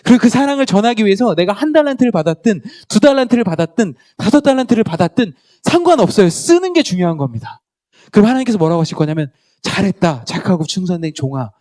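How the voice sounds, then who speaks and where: Young male preacher, mellow tone, dry sound; animated storyteller shifting from loud to hushed. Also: high voice, fast, no echo. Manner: storytelling, acts out dialogue, swings from loud to quiet. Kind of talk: sermon.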